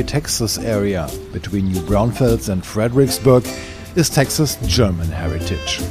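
A man narrating a documentary voice-over in a calm, explanatory way. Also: lowish voice.

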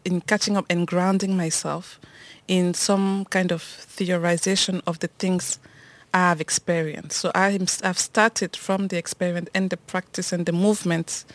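A woman's voice: fairly low pitch, little pitch movement, measured pace, no room sound. A woman from Cameroon co-hosting a podcast, talking casually and reflectively, with frequent restarts and hesitations. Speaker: podcast co-host. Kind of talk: casual conversation between friends.

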